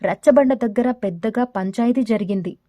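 A woman narrating a scripted story in a steady, dramatic reading manner. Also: a little high, moderate pace, highs cut off, background noise.

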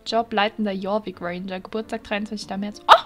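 A woman's voice: mid-range voice, flat delivery, brisk, sharp tone, faint music behind. A woman giving casual let's-play commentary as a YouTuber, chatty and giggly, tossing in English phrases as she reads quest dialogue. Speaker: YouTuber playing a horse-riding game.

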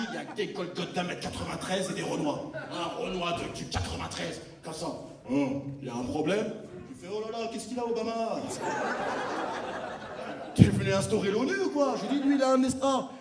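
A man with a street accent from Lyon performing stand-up, telling a story and acting out the people in it, sometimes shouting the punchlines. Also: high-pitched, far from the mic. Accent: Lyon street French. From France. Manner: animated, acts out characters, shouts punchlines. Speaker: stand-up comedian. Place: large theatre stage with live audience. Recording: roomy hall, mic heard from afar, audience.

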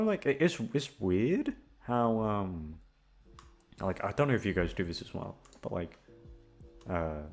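A low-pitched, slightly mellow male voice belongs to a young audio roleplay voice actor chatting with listeners over music. His casual talk rambles, hesitates, swears, and pokes fun at himself.

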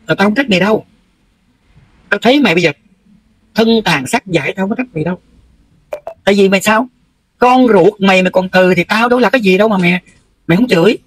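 High-pitched Southern Vietnamese man scolding. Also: quick pace, pauses often, slightly rough, no echo, poor audio. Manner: scolding, confrontational, addresses listener bluntly. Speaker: livestream host. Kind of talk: heated livestream rant.

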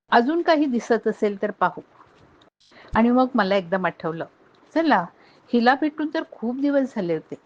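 A middle-aged woman reads a heartfelt short story at an unhurried pace, her voice sitting in a middle pitch. She is gentle and measured, lifting her voice for the lines spoken by people in the story. The recording sounds a little dull and muffled. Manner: gentle, measured, lifts voice for quoted speech. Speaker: narrator reading a story aloud. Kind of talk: expressive storytelling reading.

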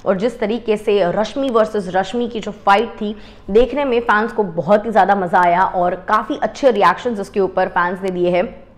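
A woman's voice: medium pitch, moderate pace. A young woman hosting an entertainment news segment, talking in a chatty way and slipping English phrases in between. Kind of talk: scripted entertainment news narration.

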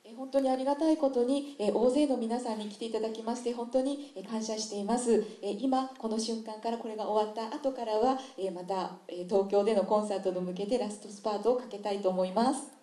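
Quick mellow-voiced female interpreter. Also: fairly high pitch, steady tone, reverberant. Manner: quick, measured, polite. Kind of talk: consecutive interpreting. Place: theater stage.

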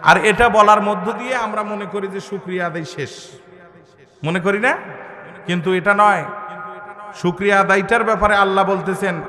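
A man preaches a fiery sermon in a high, bright, forceful voice. He keeps checking with his crowd and chants Arabic verses. His voice rings through a large, echoey hall. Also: moderate pace, long pauses. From Bangladesh. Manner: call-and-response, repeatedly asking the crowd if they understand. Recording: echoey hall, loudspeaker sound.

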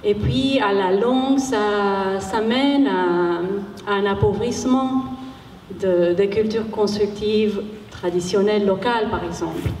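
Middle-aged woman on a panel, really slow n mellow, measured, echoey hall. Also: medium pitch. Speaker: panel speaker. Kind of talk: unscripted panel talk. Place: large warehouse hall with seated audience. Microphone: handheld microphone. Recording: echoey hall, distant, background noise.

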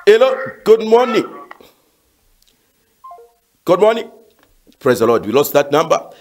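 A man's voice: fairly high pitch, very animated, measured pace, darkish tone, a little hiss or hum. A man preaching fervently and praying with callers on a phone-in, with frequent "uh" fillers. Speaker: pastor. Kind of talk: shouted sermon and prayer phone-in.

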